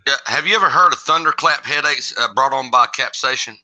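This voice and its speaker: A man's voice: medium pitch, a little fast, sharp tone. A man chatting casually as a livestream guest, in a folksy, informal manner. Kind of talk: casual chat. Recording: dull lo-fi call audio.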